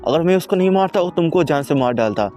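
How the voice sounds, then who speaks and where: A man voicing a cocky, blunt young male hero who talks roughly and sarcastically. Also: on the high side, expressive, fast talker, warm tone, faint music behind, close to an everyday voice. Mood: casual. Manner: rough, teasing, exasperated.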